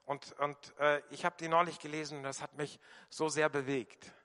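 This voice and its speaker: Bright-voiced German preacher in a reverberant hall. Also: male voice, a little high, level tone, moderate pace. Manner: emphatic, varies loudness, quiet voicing of quoted prayers. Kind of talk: sermon. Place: church hall. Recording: long church reverb.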